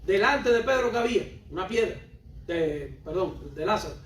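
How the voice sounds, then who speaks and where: A man preaches with a high voice, hammering each point through repetition and direct questions to the congregation. He is heard from some distance in a roomy church hall, with faint ambient noise behind him. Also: expressive, normal speed. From Cuba. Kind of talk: sermon.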